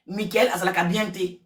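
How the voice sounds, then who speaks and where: A woman giving casual gossip commentary, repeating words and switching languages in an excitable way. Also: medium pitch. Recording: roomy echo, distant from mic.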